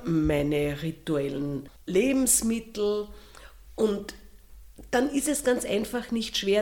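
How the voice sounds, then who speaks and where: Woman, Austrian accent, interviewee, slow deliberate delivery, lower pitch. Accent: Austrian German. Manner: slow, thoughtful, with pauses and restarts. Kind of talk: interview answers.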